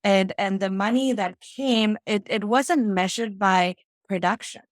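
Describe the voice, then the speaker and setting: A woman's voice: medium pitch, unhurried, dry recording. Woman from Fiji, dry close sound. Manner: reflective storytelling, often adds "right?" and "you know". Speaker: guest, financial strategist. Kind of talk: casual interview conversation.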